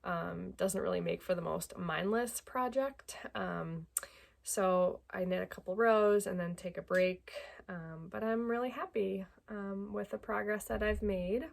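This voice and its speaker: With vocal fry in a mid-range voice and a measured pace, a young woman from the Greater Portland, Maine area chats to camera about her knitting for her podcast. A cold has left her nose stuffy, and she's friendly and talkative, saying um a lot.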